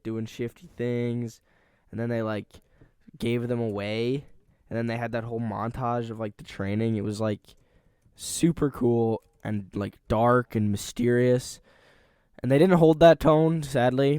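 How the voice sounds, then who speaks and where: Smooth-voiced man rambling about movies. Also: mid-range voice, dry recording, clean studio sound. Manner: rambling, filler-heavy, animated. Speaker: podcast co-host. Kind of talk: casual movie review chat.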